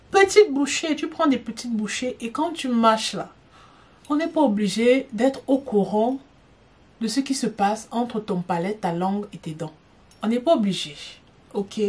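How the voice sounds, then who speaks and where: A woman's voice: mid-range voice, breathy edge. A young woman casually giving etiquette tips to camera, chatty and emphatic, talking straight to the viewer with teasing questions. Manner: chatty and emphatic, repeating "non, non" for stress; addresses the viewer directly, teasing rhetorical questions. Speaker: lifestyle vlogger.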